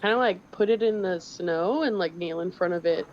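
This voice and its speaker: A woman's voice: fairly low pitch, moderate pace, a little hiss or hum. A woman playing a tabletop game, describing what her character does in casual chat. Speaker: player. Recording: dull lo-fi mic.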